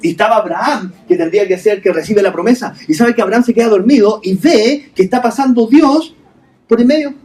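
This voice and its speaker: High-voiced male pastor preaching from a distance. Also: brisk, darkish tone. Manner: asks the congregation frequent rhetorical questions; mixes English terms into his preaching. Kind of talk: sermon. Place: hotel event hall.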